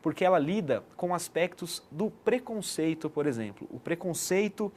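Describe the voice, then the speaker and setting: A man's voice: a little high, animated, moderate pace, a little mellow. A man giving an explanatory online lesson as a teacher, checking in with the listener often. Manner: didactic, frequent "né" tag questions.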